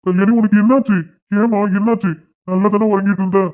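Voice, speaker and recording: A man's voice: high voice, steady tone, fairly quick, narrow, tinny audio, pitched above the performer's own voice, close to an everyday voice. A man voicing a caring elderly grandfather in a cartoon, soothing and questioning.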